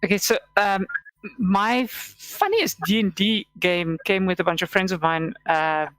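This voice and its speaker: A South African woman telling a funny tabletop game story in a casual, animated way on a podcast. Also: medium pitch, a little slow, no echo, rough recording. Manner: animated, acts out quotes. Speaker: podcast guest.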